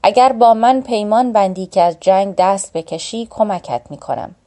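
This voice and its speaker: A woman's voice: medium pitch, mellow, close to an everyday voice. A woman reading the lines of a wise mythical giant bird in a storybook tale, in a solemn, instructive way.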